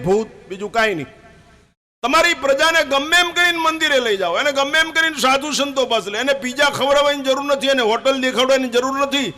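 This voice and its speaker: An older man preaching a fiery sermon, emphatic and at times shouting. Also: extremely high pitch.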